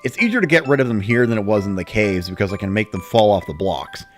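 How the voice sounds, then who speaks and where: A man with a fairly low, expressive voice talks fast over soft background music, giving scripted first-person narration like a diary of playing a video game, as the narrator of a dramatic reading.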